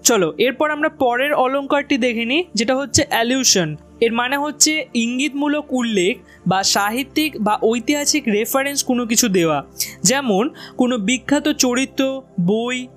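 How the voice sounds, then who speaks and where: A woman teacher from West Bengal giving a patient, explanatory exam-prep lecture to students, reading quoted English lines slowly and deliberately. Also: fairly high pitch. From West Bengal, India.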